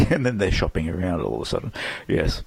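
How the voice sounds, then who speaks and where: A man's voice: low voice, very animated, brisk, vocal fry, husky, no room sound. A man hosting a podcast interview, agreeing with his guest and summarizing his points. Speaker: podcast host.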